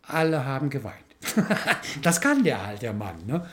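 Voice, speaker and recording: A man hosting a podcast, telling an anecdote in a casual, animated way with many fillers and tag questions. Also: medium pitch, moderate pace. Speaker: podcast host. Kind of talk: casual storytelling chat.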